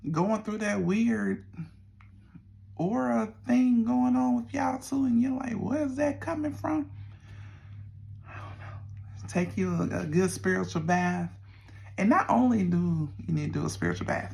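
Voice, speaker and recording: Southern US accent, middle-aged vlogger, very gravelly vocal fry, mid-pitched, informal, rambling check-in. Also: a little mellow. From Southern United States. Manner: informal, folksy, meandering. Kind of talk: casual rambling check-in to viewers.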